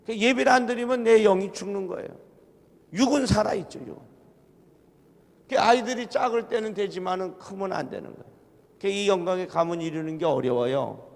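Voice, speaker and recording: Middle-aged pastor, gravelly, highish voice, jokey folksy stories, church echo. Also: male voice, fairly quick. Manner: humorous folksy storytelling, emphatic. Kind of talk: revival sermon. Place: church sanctuary. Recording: long church hall reverb.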